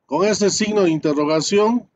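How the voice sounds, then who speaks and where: A man's voice: high-pitched, moderate pace, darkish tone. A male networking instructor walking students through a switch lab step by step, full of fillers and tag questions. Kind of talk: live screen-share class.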